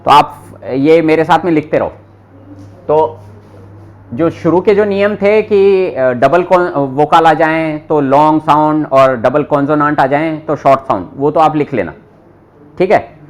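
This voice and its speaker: A man teaching a German class, slowly repeating each word for his students and asking them questions. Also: on the high side. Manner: slow, patient, repeats words aloud for students; asks students questions directly. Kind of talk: live classroom lesson.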